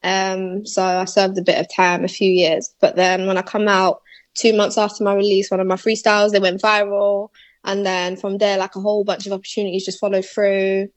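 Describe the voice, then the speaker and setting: A young woman from Malawi, raised in England, chatting casually as a rapper guest in an interview. She talks in a relaxed, slangy way and laughs often. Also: mid-range voice, normal speed, dry recording. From born in Malawi, raised in England.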